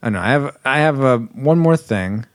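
A man's voice: mid-range voice, lively intonation, moderate pace, no echo, clean studio sound. A man hosting a casual movie discussion, chatty and full of restarts. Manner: chatty, many restarts and fillers.

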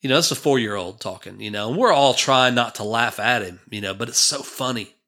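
Bright-voiced man telling a family story. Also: medium pitch, a little fast. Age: 50s. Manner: rambling, digressive, conversational. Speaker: church minister. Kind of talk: personal storytelling.

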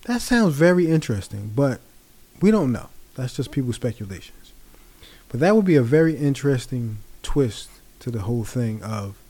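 Male vlogger with a warm, mellow voice and relaxed, rambling delivery. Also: medium pitch, normal speed. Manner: rambling, relaxed, many fillers. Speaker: pop culture vlogger. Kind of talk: casual commentary.

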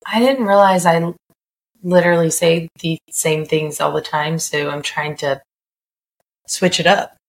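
A woman's voice: sits low, fairly even intonation, unhurried. A woman in her thirties co-hosting a podcast, chatting casually in an upbeat, confident way and laughing often. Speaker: podcast co-host and editor. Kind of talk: casual chat, scripted intro.

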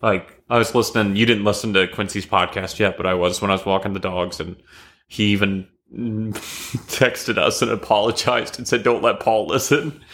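Man, low voice, podcast co-host, blunt, emphatic, swears freely. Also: steady tone, normal speed, fairly bright tone. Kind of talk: casual sports chat.

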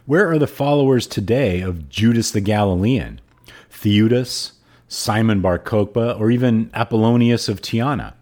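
A man hosting a podcast and reading aloud in a hoarse, froggy voice. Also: fairly low pitch, normal speed, a little mellow. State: hoarse throat. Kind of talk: audiobook-style reading and podcast sign-off.

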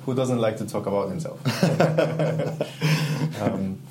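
A man's voice: mid-range voice, slow. A man from Ecuador, talking as an interview guest, enthusiastic and reflective as he searches for words. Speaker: guest, game UI/UX artist. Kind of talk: casual interview chat. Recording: steady background hum.

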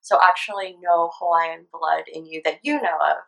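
A woman's voice: fairly low pitch, moderate pace, gravelly, rough recording. A woman interviewing a guest in a casual conversation, asking curious, probing questions.

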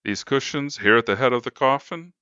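A man voicing a pushy, smooth-talking male coffin salesman with brash sales patter. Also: mid-range voice, fairly quick, pushed and bright, dry recording, muffled recording, voice pushed up, natural voice. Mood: salesy.

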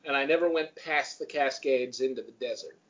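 A man's voice: medium pitch, a little fast, fairly bright tone. A man co-hosting a podcast, chatting casually in a rambling way with dry jokes and laughs, from Vermont. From Vermont, USA. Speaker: podcast co-host. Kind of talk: casual chat. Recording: dull lo-fi sound.

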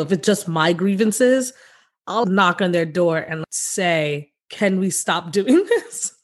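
A young woman co-hosting a podcast, talking bluntly and swearing freely in casual chat. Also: on the low side. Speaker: podcast co-host.

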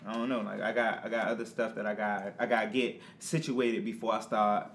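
A man's voice: fairly low pitch, level tone, fairly quick, a bit bright, a little hiss or hum. A young adult man co-hosting a casual podcast chat, laid-back and rambling with lots of fillers. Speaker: podcast co-host.

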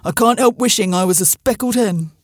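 A woman voicing a quarrelsome, boastful old male crow in a storybook reading, croaking and blustering. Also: mid-range voice, brisk, no room sound, studio quality, close to an everyday voice. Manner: blustering, demanding.

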